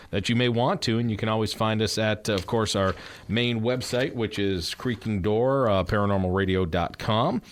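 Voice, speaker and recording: A man hosting a radio show in a casual, chatty and affirming way. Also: lowish voice.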